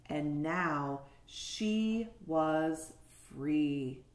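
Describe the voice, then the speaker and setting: This woman, around forty-something, sits low in pitch and draws out her words. She's a kindergarten teacher reading a picture book expressively at home, questioning young listeners, captured on a webcam with roomy living-room echo.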